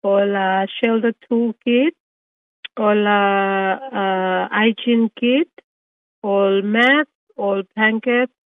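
A woman with a Vanuatu Melanesian pidgin accent speaking haltingly in a radio interview. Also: mid-range voice, fairly even intonation, dry recording. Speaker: Red Cross manager. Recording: muffled lo-fi radio interview audio.

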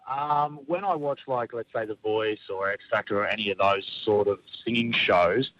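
A man's voice: medium pitch, a bit bright. A man calling in to a radio show, casual and chatty. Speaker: caller. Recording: dull phone line.

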